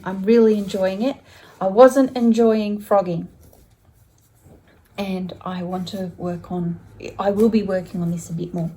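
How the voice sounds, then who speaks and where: Unhurried chatty woman vlogging at home. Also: medium pitch, warm tone. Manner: chatty and rambling, self-correcting. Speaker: stitching vlogger. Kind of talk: casual show-and-tell chat.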